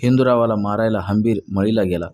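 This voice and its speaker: An older farmhand from a novel audiobook, loyal and short of breath, read by a man. The voice is low and mellow, hardly set apart from the narration. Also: quick pace, lightly acted. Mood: alarmed.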